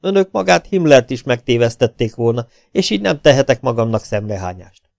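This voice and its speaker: A man's voice: mid-range voice, sing-song, vocal fry, darkish tone, no room sound, clean studio sound. A man voicing a sly male villain baron who taunts his captives in a smug, raised voice. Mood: smug taunting.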